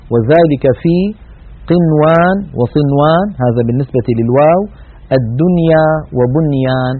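A man teaching Quran recitation rules in a broadcast lesson, explaining in a measured way and demonstrating pronunciation. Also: mid-range voice, breathy edge. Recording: tinny band-limited broadcast audio.

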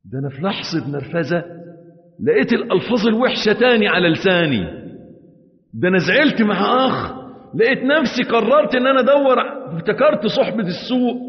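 A man's voice: a little high, normal speed, long pauses, voice pushed up, lightly acted. A man with an Egyptian accent voicing an anxious young penitent who pleads with his sheikh and repeats oaths in a rush. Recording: reverberant dull hall recording.

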